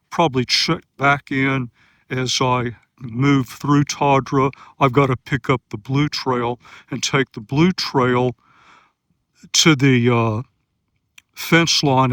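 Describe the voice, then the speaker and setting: Man in his sixties, outdoor gear vlogger, mid-pitched and methodical with lots of "uh" fillers, slightly winded, dry close sound. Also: dry recording. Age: 60s. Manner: steady, methodical, with frequent pauses and "uh" fillers. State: out of breath after running. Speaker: gear reviewer and search-and-rescue volunteer. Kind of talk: outdoor field vlog narration. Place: outdoors on night trails in grasslands.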